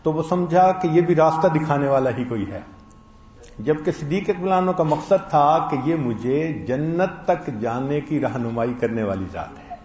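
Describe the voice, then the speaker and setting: A man's voice: on the high side, expressive, darkish tone. A man giving a sermon, telling stories and acting out the quoted lines of the people in them. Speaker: preacher. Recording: echoey, dull lo-fi sound.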